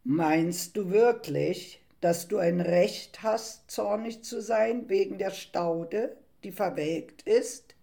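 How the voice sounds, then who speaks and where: A woman voicing God as a patient, earnest male figure in a dramatized Bible story reading, speaking slowly and deliberately. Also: mid-range voice, expressive, warm tone. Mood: questioning. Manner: slow and deliberate.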